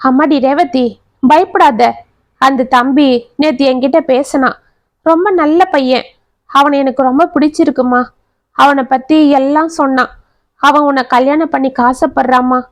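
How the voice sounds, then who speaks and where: A woman's voice: high voice, steady tone, normal speed, dry recording, close to an everyday voice. A woman storyteller voicing an aging, grieving father who speaks tenderly to his daughter. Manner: tender, tearful.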